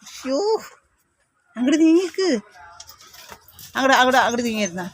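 A woman with a high, very animated voice talks briskly into her phone at a veterinary hospital, coaxing her dog in sing-song baby talk for a casual pet vlog. The rough recording is full of loud background noise from dogs and traffic.

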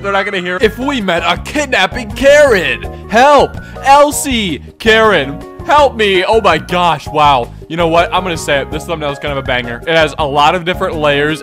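Young male commentator, slightly high voice, dry sarcasm, music playing under him. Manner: sarcastic, mock-serious, breaks into laughter. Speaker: YouTube commentator. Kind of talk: comedic commentary reading posts aloud.

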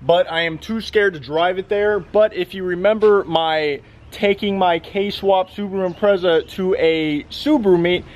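Man, car vlogger, excited, slangy, rambling, slightly high voice. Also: unhurried, few pauses. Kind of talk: casual vlog commentary.

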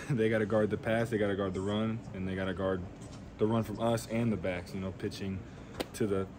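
A man's voice: lowish voice, little pitch movement, normal speed, background noise. A young man, a college quarterback, answering reporters' questions after a game, plain-spoken with many fillers, in a weight room. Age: young adult. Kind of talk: postgame press Q&A. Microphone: handheld reporter mics.

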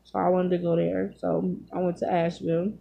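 Husky low-pitched woman talking with mouth full. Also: flat delivery, fairly quick, highs cut off. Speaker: vlogger. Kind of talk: casual storytelling while eating. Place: small home room, indoors. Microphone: phone at arm's length.

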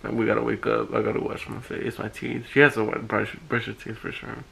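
Gravelly laid-back young man. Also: on the low side, flat delivery, fairly quick, sharp tone. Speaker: partner. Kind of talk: casual banter. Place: car.

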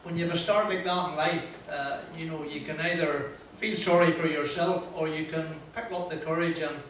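Here an older Northern Irish man speaks in a fairly even, somewhat high and bright voice, swapping self-deprecating stories at a motivational talk. Chatty and prone to "uh" pauses and laughs, he holds a handheld mic in a large wood-panelled room; his voice arrives from a distance in the echoey hall over a little hiss or hum.

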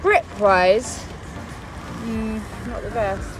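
A woman's voice: fairly high pitch, drawn-out words, music in the background. Breathless woman vlogging a run. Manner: chatty, rambling with fillers. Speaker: running vlogger. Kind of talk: casual vlog while running. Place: outdoors, cold night.

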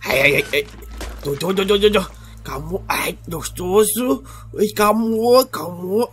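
A man's voice: high voice, takes it slowly, fairly bright tone, breathy edge, soft background music, exaggerated voice. A man voicing a hungry, clingy newborn creature hatchling that whines and repeats its words in a game role-play. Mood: hungry, whiny.

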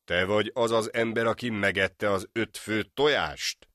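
A man voicing a stern village judge in an animated folk tale, asking pointed questions in a firm manner. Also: lowish voice, no room sound, clean studio sound, pitched above the performer's own voice. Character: stern male village judge, gruff then amused.

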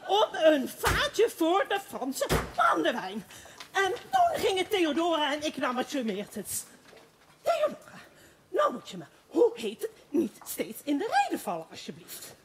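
Woman plays a high, lively, giggling gossip who rambles on breathlessly; amateur stage play with faint noise. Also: unhurried, full character voice. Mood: excited gossip. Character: excitable gossiping woman townsperson.

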